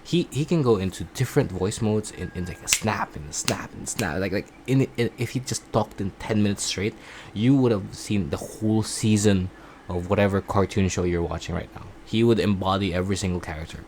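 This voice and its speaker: Very deep-voiced rambling man. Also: noisy background. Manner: rambling, halting speech; self-deprecating. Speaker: voice acting student vlogger. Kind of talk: casual video diary chat.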